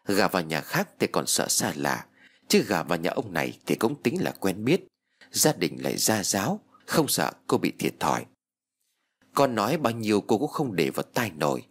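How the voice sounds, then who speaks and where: Male narrator for a ghost story channel, low husky voice, wildly varied pitch. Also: normal speed. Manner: expressive, emotional reading. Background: faint music.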